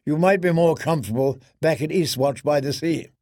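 A man playing an earnest young commander who speaks with measured courtesy. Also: a little high, a little mellow, no room sound, clean studio sound, natural voice.

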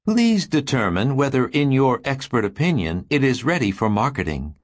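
A placid, smooth-spoken telepathic voice coming from a toy maze in an audiobook, put on by a male narrator. It sits noticeably higher than a plain speaking voice and has a slightly distant, hollow sound. It talks calmly, like a polite salesman. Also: normal speed.

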